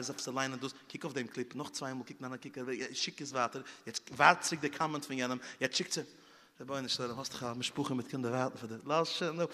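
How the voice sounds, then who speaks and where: A man's voice: on the high side, sharp tone. A man giving a moral talk, telling vivid stories and punctuating them with mouth sound effects. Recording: long hall reverb.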